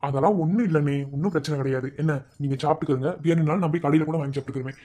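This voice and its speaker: A man's voice: on the high side, rapid-fire, lightly acted. An actor playing a kind young village man, speaking reassuringly in Madurai Tamil in a cartoon. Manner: reassuring, steady. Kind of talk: cartoon voice acting.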